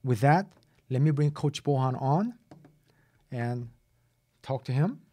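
A man's voice: mid-range voice, lively intonation, takes it slowly, mellow. A man in his fifties hosting a casual interview podcast, chatty and self-mocking, laughing often, on a studio mic at home. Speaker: podcast host. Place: home studio with shelves and posters. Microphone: boom studio mic.

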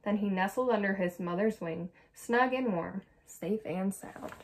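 A young adult woman reading a children's picture book aloud with clear, soft storytelling narration. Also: mid-range voice, measured pace, a little hiss or hum. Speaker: storybook reader.

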